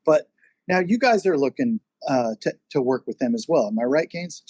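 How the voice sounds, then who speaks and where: A man's voice: medium pitch, expressive, normal speed, a little mellow, dry recording. A man hosting a casual interview conversation, rambling along with many fillers. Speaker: podcast host and magazine editor.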